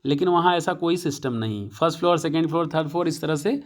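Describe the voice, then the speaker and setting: A man teaching an English lesson, explaining each point again and again, often pausing to check and correcting himself. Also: fairly high pitch. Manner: repetitive, checks with "ठीक है" often; self-correcting, thinking aloud. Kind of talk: classroom-style lesson.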